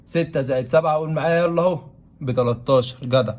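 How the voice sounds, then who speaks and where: Egyptian man teaching math, very fast delivery, slightly high voice, quizzes the class and answers himself. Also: a little mellow. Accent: Egyptian Arabic. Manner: asks questions aloud and answers them himself. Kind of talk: classroom-style math lesson.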